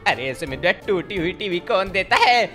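A man's voice: sits high, lively intonation, fairly quick, bright, forceful tone, soft background music. A man doing Shinchan, a cheeky cartoon boy. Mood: scolding. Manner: teasing, scolding. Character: cheeky little cartoon boy who mocks his elder. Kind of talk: gameplay role-play voice.

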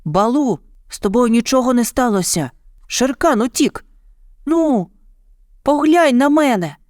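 A man's voice: very high-pitched, animated, a little slow, no echo, clean studio sound, voice pushed up. A man voicing a brave young boy raised by wolves in a storybook reading, calling out boldly. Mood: pleading. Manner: bold, shouting, tearful pleading. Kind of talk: storybook narration.

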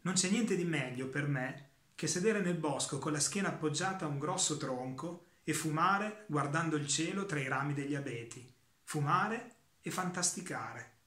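A man reading a short literary story aloud in a calm, measured way, with slow pauses. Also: fairly high pitch, reverberant. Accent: Italian.

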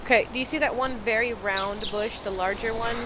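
A woman's voice: a little high, steady tone, a little fast. A woman playing an online game, anxiously spotting enemies and calling out directions to a teammate. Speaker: game player. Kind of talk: gameplay voice chat. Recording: voice chat with loud noise.

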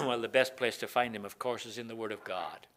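A man preaching a sermon in a chapel, earnest, repeating key phrases and pausing often. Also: lowish voice, sharp tone.

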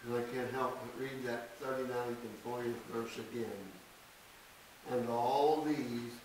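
Older guy preaching, slow and emphatic, boomy church echo, faint hiss. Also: level tone, a little mellow. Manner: slow, deliberate scripture reading with emphatic stresses. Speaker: pastor. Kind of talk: sermon. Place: small church sanctuary. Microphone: podium mic from a distance. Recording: echoey church, distant mic, faint hiss.

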